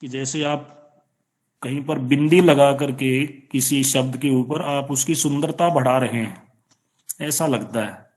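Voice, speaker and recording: Male teacher, Indian accent, unhurried lecture delivery, mid-pitched, patient and repetitive explanations. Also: a little mellow. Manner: slow, patient explaining with repeated examples. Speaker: college teacher. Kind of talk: online class lecture. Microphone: online class, computer or phone mic.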